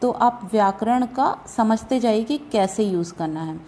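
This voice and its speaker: A woman teaching how to recite scripture verses, chanting each line slowly and carefully and then explaining it in plain talk. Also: on the high side, lively intonation, mellow.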